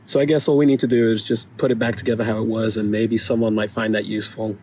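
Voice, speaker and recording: A man's voice: fairly low pitch, level tone, fast, darkish tone, a little hiss or hum. A man filming himself repairing his car, talking casually and joking at his own expense, swearing often. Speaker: DIY car vlogger. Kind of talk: casual self-filmed repair commentary. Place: working on a car, on the floor.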